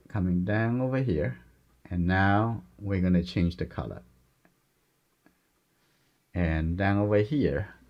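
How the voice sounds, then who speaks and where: Gentle, low gravelly male painting instructor. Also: highs cut off. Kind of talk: step-by-step painting demonstration, unscripted.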